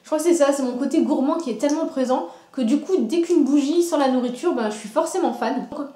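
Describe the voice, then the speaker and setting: A woman's voice: sits high, quick pace, mellow, roomy sound. A woman vlogger chatting casually through a product review, gushing and repeating herself with many fillers. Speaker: beauty vlogger.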